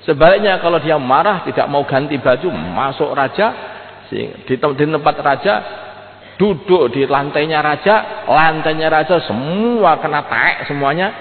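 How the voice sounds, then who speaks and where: A man's voice: fairly high pitch, expressive, a little slow. A man giving an evening sermon, animatedly acting out quoted dialogues, recorded in a prayer hall. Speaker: preacher. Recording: echoey hall over a thin phone-like line.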